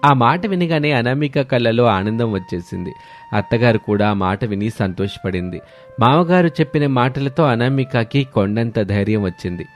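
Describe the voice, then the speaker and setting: A man narrates a cartoon story in a steady, scripted way at a medium pitch. Faint music plays underneath his voice. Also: normal speed.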